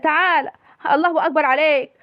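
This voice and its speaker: A woman's voice: sits high, fairly even intonation, fairly quick, no room sound, muffled recording, lightly acted. A woman playing a wailing rural mother. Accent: rural Egyptian. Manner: wailing, lamenting, melodramatic. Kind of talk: comic village sketch.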